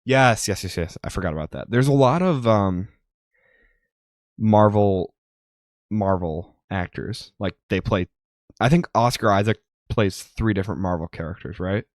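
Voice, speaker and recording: A young man co-hosts a podcast, chatting casually and rambling with plenty of ums. His lowish voice is unhurried, recorded in studio quality with no room sound.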